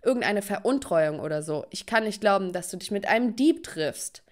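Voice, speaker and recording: A woman's voice: medium pitch, expressive, normal speed, natural voice. A woman voicing a stern, angry father who scolds and disowns his daughter. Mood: angry scolding. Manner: scolding, harsh.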